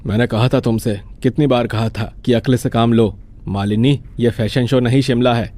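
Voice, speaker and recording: A man voicing a stern, worried older father-in-law in a cartoon story, with a gruff scolding manner. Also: mid-range voice, steady tone, normal speed, mellow, lightly acted. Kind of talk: cartoon voice acting.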